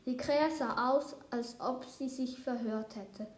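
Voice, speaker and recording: Slow, echoey storybook reader woman. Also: a little high. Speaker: picture book reader. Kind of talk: reading a children's story aloud.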